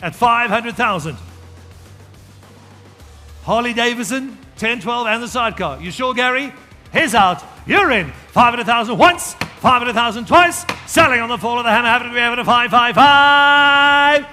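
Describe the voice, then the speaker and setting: A man working as an auctioneer, rattling out repeated numbers and calls in a rapid chant to urge bidders on. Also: very high-pitched, pushed and bright. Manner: rattling, repetitive calling, urging bidders. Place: large auction hall. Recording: echoey hall PA with background music.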